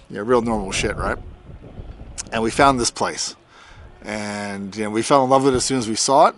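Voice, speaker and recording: A man's voice: mid-range voice, fairly bright tone. A man of fifty from Australia giving a casual, conversational video update outdoors in his farm's front yard. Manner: informal, conversational. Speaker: tattoo artist vlogger. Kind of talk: casual update talk to camera.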